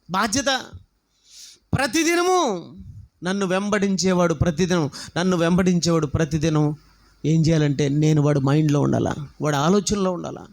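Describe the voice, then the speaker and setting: A man preaches in an animated, storytelling way. His voice sits unusually high for a man. He keeps circling back with repeated rhetorical questions to his listeners. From South India. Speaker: pastor. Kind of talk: sermon.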